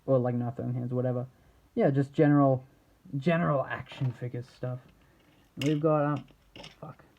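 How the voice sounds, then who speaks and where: A man giving a casual, unscripted product showcase as an action figure reviewer, rambling haltingly and trailing off mid-thought. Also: medium pitch, steady tone, narrow, tinny audio.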